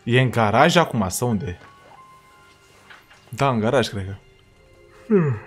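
A young man hosting a reaction video, talking casually in slang and yelling in panic at jump scares. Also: medium pitch, expressive, breathy edge, soft background music.

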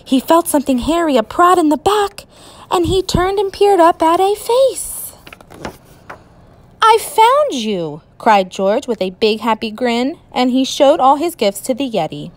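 A woman teacher reading a picture book aloud in a slow, expressive storytelling manner. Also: high-pitched.

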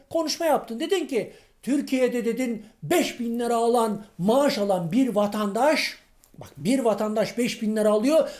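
A man's voice: very high voice, darkish tone. A male comedian playing a grumbling, irritable middle-aged man on the street in a comic monologue sketch, ranting in folksy slang and firing off rhetorical questions.

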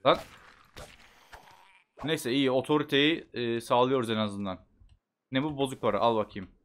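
A man giving casual gameplay commentary, chatting to himself and bursting into loud shouts at the game. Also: mid-range voice, normal speed. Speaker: gameplay streamer.

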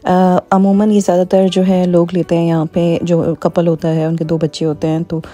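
Touring a show home for her viewers, a vlogger carries her phone from room to room and chats casually, using many fillers and dropping into English. Her voice is on the low side and mellow, with a level tone and a moderate pace.

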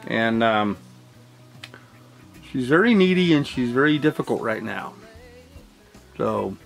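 Animated yet slow-paced, this middle-aged man has a gravelly, medium-pitched voice, and soft music plays behind him. He's a real estate broker vlogging casually to camera in a cluttered home office, full of fillers, restarts, and rambling.

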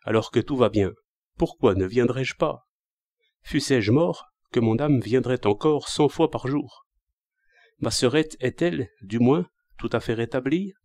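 A man's voice: medium pitch, unhurried, darkish tone, no room sound, studio quality, close to an everyday voice. Man voicing an imploring young man. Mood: earnest. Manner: earnest, imploring. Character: young man, pleading, remorseful cousin.

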